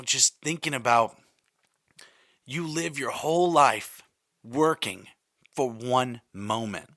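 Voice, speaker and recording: A man's voice: medium pitch, sharp tone, no echo, studio quality. A man in his thirties hosting a solo podcast, talking casually and rambling with many fillers and repeats. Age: 30s. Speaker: podcast host.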